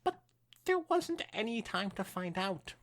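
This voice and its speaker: Reading fan fiction on a podcast she co-hosts, this woman takes an unhurried pace with a mid-range voice. Her storytelling is expressive and swooping, dotted with offhand asides.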